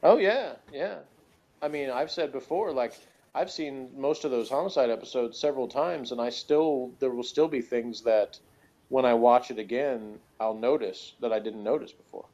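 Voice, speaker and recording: Speaking at a normal pace with a dark, medium-pitched voice, a man co-hosting a review show chats in a relaxed way. His explanations come out tentative and full of self-qualifications, on a slightly dull, lo-fi recording.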